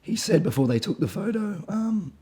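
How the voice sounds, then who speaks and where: A man hosting a podcast interview, hoarse from losing his voice, chatty and jokey. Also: high-pitched, sing-song, normal speed, mellow. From Australia. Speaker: podcast host. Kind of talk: casual interview chat.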